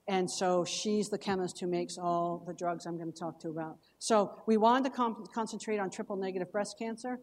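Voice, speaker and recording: A woman's voice: mid-range voice, a little mellow. A woman giving a scientific lecture as a cancer researcher, explaining in a conversational way and checking in with her audience. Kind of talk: academic lecture.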